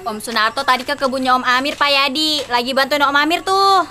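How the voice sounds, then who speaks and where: A performer voicing an eager, excitable, boastful youngster in an animated parody. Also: high-pitched, fairly quick, a little hiss or hum. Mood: informative.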